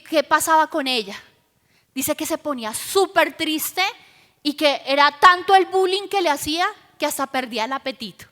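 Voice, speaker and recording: A woman preaching a Sunday sermon in an expressive, emphatic way. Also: high-pitched, big-room sound.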